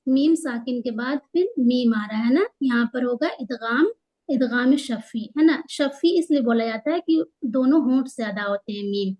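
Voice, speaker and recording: A woman teaching Quran tajweed, patiently explaining the rules and slowing down to stretch out each recited word. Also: fairly high pitch, mellow, highs cut off. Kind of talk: tajweed lesson, spelling out letters and drawing out recited words.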